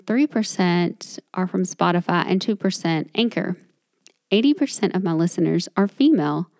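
A woman's voice: fairly low pitch, darkish tone, dry recording, studio quality. A woman hosting her own podcast, talking alone in a chatty, upbeat and self-deprecating way. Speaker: podcast host. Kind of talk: solo podcast monologue.

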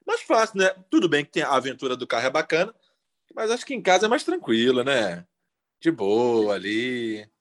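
A man's voice: mid-range voice, moderate pace. Man, casual chatter with lots of melody, keeps checking agreement. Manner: relaxed, chatty, keeps saying "né". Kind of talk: casual chat.

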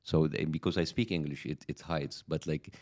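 Deep-voiced man with a lisp. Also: moderate pace. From Egypt. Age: 40s. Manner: animated, laughs often, stammering restarts. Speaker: podcast guest. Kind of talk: casual interview chat.

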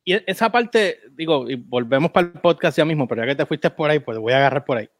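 A man hosting a casual podcast, easygoing and quick to laugh. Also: fairly high pitch, expressive, no echo, clean studio sound. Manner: laughs a lot, agreeable, easygoing. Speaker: podcast host.

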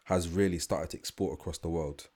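A young Londoner talks fairly quickly on a podcast in a low-pitched, steady voice that's a little mellow with a breathy edge. The chat is casual and thoughtful, rambling through asides and restarted sentences.

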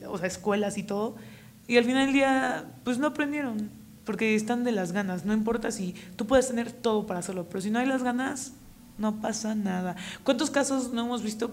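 A young woman with a Mexican accent co-hosting a podcast, talking in a lively, slangy way and laughing often. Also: medium pitch, a little hiss or hum. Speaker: podcast co-host. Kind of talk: casual chat.

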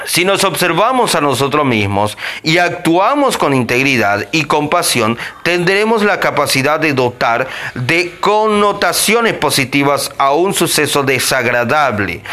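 A man's voice: on the high side, big pitch swings, measured pace, bright, forceful tone. A man reading a self-help text aloud, now and then tripping over a word and saying sorry before starting the line again. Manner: stumbles over words and says sorry.

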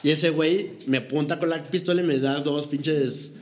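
Mexican man, 30s, relaxed raunchy anecdote teller, slightly high voice. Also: normal speed, faint music behind. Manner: long slangy storytelling, swearing. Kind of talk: casual chat among friends.

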